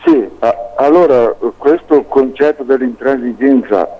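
A man calling in to a radio show over the phone, talking in a halting way, repeating words and tagging sentences with "no?". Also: medium pitch. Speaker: radio call-in caller. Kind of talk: call-in opinion monologue. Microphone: telephone. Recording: tinny phone line.

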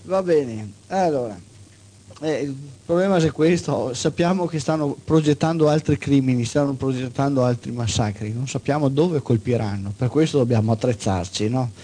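A man's voice: medium pitch, normal speed, mellow, slightly rough. A man hosting a live radio talk show in a casual spoken style. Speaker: radio host.

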